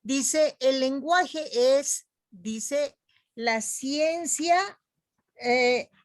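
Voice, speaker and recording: A woman teaching a class, explaining slowly and warmly addressing her students as young ones. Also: high-pitched, dry recording, clean studio sound. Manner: slow, explanatory, calls students "jovencitos". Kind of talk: online class lecture.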